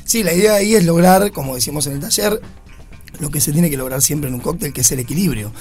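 A man's voice: on the high side, fast talker, darkish tone, faint music behind. A man, a guest bartender chatting casually on a radio show, often restarting his words.

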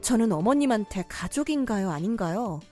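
A woman's voice: mid-range voice, animated, fairly quick, darkish tone, faint music behind, close to an everyday voice. A woman voicing a young married daughter-in-law who stays polite but firmly pushes back, in a cartoon story drama. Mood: defiant.

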